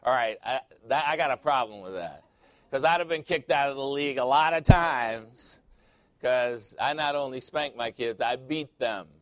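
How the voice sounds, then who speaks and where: A man's voice: medium pitch, moderate pace, a bit bright, dry recording. A male pastor preaching a sermon in a church, joking and conversational with sudden emphatic swings.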